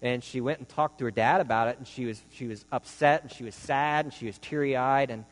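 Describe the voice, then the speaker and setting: A man's voice: mid-range voice, fairly quick. A man giving a sermon through stories, talking in a conversational way with many "you know" fillers. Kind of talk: sermon with storytelling. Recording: long hall reverb with mains hum.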